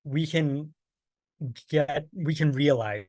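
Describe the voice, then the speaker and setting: A fairly high but darkish voice speaks slowly in this studio-quality, echo-free recording of a US workshop presenter. He leads an online training lecture on survey design, patiently explaining with plain everyday examples.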